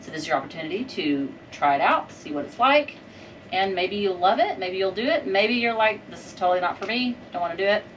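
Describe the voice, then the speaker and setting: A middle-aged woman hosting a casual chat in a boat's cabin, upbeat and quick to laugh. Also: medium pitch, expressive, far from the mic, highs cut off, slight background noise. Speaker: show host. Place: boat saloon indoors.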